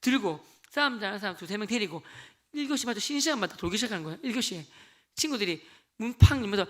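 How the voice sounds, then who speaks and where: A man in his forties delivers a church testimony from the pulpit with a notably high, bright voice. He talks quickly and tells his story as a lively performance, acting out the voices of the people in it. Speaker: lay deacon giving testimony. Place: church sanctuary.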